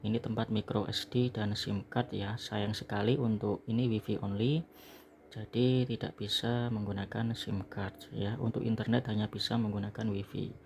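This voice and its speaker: A man's voice: fairly low pitch, flat delivery, moderate pace, creaky, darkish tone, slight background noise. An Indonesian man recorded indoors in a small room, casually explaining a product as an online seller and often tagging phrases with a short confirming word. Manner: explanatory, repeatedly ends phrases with "ya". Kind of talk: casual product packing and review narration.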